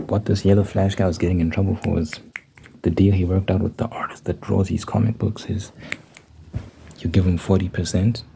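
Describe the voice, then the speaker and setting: A man in casual, rambling talk, thinking out loud in an informal way. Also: sits low, background noise.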